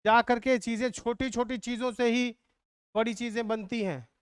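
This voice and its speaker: A teacher leads a live online class, calling out lists and making students chant them back. The voice is smooth and crisp, recorded dry and close. Mnemonics are sung out slowly, line by line. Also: mid-range voice, fairly even intonation, no room sound. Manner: drills students in call-and-response recitation.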